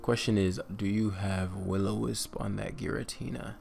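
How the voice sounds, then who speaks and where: A man's voice: on the low side, fairly even intonation, normal speed, vocal fry, a little mellow, faint music behind. A man giving casual live commentary on his own competitive game, thinking aloud and muttering with lots of fillers.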